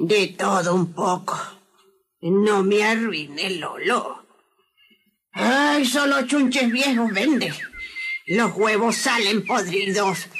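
A man's voice: sits high, noisy background. A man voicing a jealous woman shopkeeper, scornful and grumbling, in a radio comedy.

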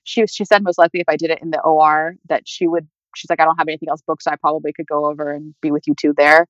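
A woman's voice: deep voice, little pitch movement, racing, no echo. A young woman recounts her own painful experience in a loose, conversational way, full of fillers and small nervous laughs. Her voice climbs and strains toward tears as she goes on. The recording is dry and a little muffled, with no room sound. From California. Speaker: guest telling her story. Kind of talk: personal storytelling. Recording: dry, slightly muffled audio.

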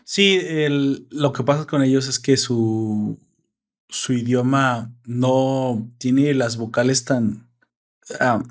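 A man's voice: mid-range voice, steady tone, takes it slowly. A young man with a Mexican accent chatting casually and explaining at length, with salty slang. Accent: Mexican Spanish. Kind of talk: casual chat.

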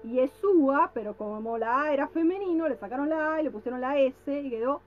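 Woman religious teacher, high voice, unhurried delivery, tinny phone-line sound, faint music behind. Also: lively intonation, a little hiss or hum. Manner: slow and deliberate, frequently checks in with listeners.

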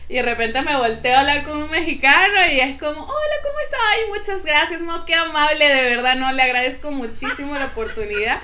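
A Venezuelan woman with a Venezuelan Spanish accent chats casually in a high voice, fairly quick and with hardly any pauses. An animated storyteller, she mimics other accents and voices and laughs often.

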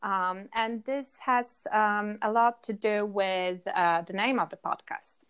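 A woman's voice: mid-range voice, slow, a bit bright, clear, resonant tone. A woman from Poland co-hosting a podcast, talking in a friendly, thoughtful way with frequent ums and uhs. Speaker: podcast co-host. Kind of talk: casual podcast chat.

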